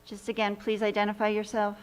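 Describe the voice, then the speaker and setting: A woman's voice: medium pitch, monotone, a little fast, clean tone. A woman chairing a school board meeting, giving casual directions to the audience, partly away from the microphone. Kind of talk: running a public meeting.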